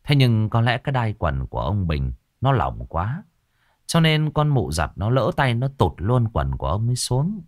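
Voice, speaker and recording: A man narrating a ghost story in a folksy, animated storytelling manner. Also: medium pitch, normal speed, no room sound, studio quality.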